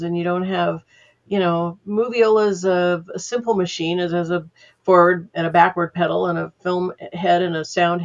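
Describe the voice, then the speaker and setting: Chatty older woman, dull lo-fi sound. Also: on the low side. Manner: chatty, full of fillers, acts out people in her anecdotes. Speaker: guest sound editor. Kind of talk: casual interview storytelling.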